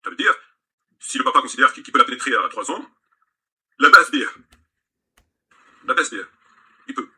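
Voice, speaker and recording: A man's voice: medium pitch, wildly swooping pitch, fairly quick, long pauses, sharp tone, breathy edge. A man in a played video, reading out texts and mocking them in sarcastic commentary.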